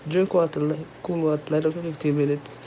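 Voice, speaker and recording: A woman with a Jamaican accent chats casually to viewers in a halting, weary way, her throat sore and mouth dry after tonsil surgery. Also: low-pitched, little pitch movement, dark tone, slight background noise, poor audio. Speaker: vlogger. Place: resting at home in bed.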